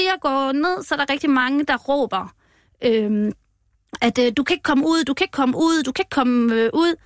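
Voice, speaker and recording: A woman with a high voice tells her story as an interview guest, recorded dry and close. She is plainly moved and speaks haltingly, often breaking off and starting her sentences again. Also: a bit bright, no echo. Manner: halting and emotional, many restarts. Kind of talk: personal account in a podcast interview.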